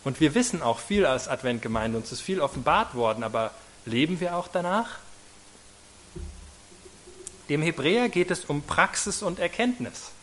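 Emphatic German preacher, lively sermon. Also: male voice, a little high, slight background noise. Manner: emphatic, varying loudness, slows on key phrases, asks the congregation "oder?".

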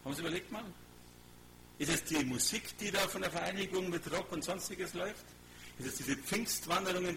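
A man preaches to his congregation in a fairly high voice, swinging from raised, impassioned outbursts to low, muttered asides. He acts out little conversations as he goes. A steady hum sits clearly behind the recording. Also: poor audio. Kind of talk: informal sermon to a congregation. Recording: audible background hum.

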